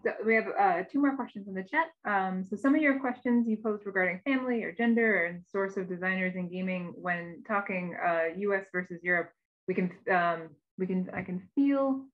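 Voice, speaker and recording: A woman moderating a conference session over a video call, reading out audience questions with frequent fillers. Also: mid-range voice. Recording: dull lo-fi video call audio.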